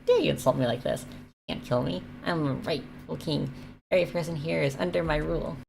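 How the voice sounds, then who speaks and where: A bitter, ambitious king from a video game , read aloud by a woman. The voice is low and very creaky, declaiming with self-righteous defiance. Faint noise sits behind it. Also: brisk, a little mellow. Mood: defiant, cursing.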